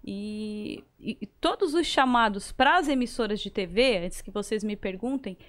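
Appearing as a singer guest, a woman with a southern Brazilian accent from Santa Catarina chats casually and acts out remembered dialogue while telling stories. Her mid-range voice is a bit bright and keeps a measured pace.

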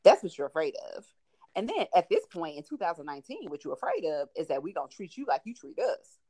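Low-voiced, frank woman podcast host. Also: sing-song, fast talker, dark tone, husky, dry recording. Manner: frank, colloquial, emphatic. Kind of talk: casual podcast discussion.

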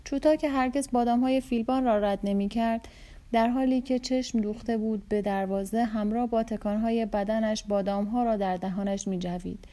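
Female audiobook reader with a warm, mellow voice and steady pacing for literary fiction. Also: a little high. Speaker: audiobook narrator. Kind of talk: reading a novel aloud.

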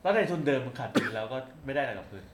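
Rapid-fire questioning man in an echoey room. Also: mid-range voice, expressive, a little hiss or hum. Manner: quick probing questions. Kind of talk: casual political chat.

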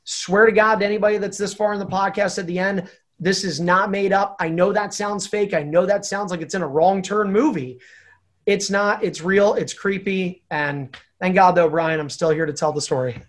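Animated young man telling a story. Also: high voice, moderate pace. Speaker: podcast co-host. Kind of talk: casual storytelling.

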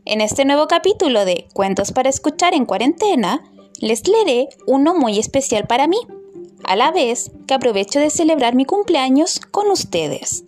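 Lively woman reading a children's story. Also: sits high, normal speed, soft background music. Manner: warm greeting, expressive storybook reading. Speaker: storyteller, podcast host.

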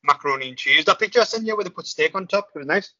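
A fairly high, bright, tense-voiced man in a podcast chat, teasing and chatty, talking between bites of food. Dry, slightly dull call audio. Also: animated, racing. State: eating while talking. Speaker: podcast co-host. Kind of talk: casual chat. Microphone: online call mic.

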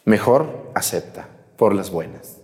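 A priest acts out a pair of crooked old male judges, dropping into a low, sly, coaxing voice to threaten a woman. The sound carries the long reverb of a church. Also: lively intonation, slow, a little mellow. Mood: menacing.

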